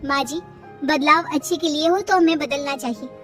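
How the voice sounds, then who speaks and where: A woman's voice: high voice, normal speed, sharp tone, soft background music. A woman voicing a defiant, educated young daughter-in-law who questions and protests sharply.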